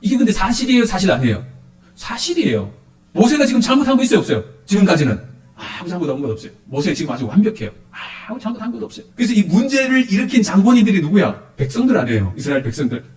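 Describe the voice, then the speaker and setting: Man, pastor, quick sermon, questions to the flock, lively pitch, echoey church. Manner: animated, asks the congregation questions.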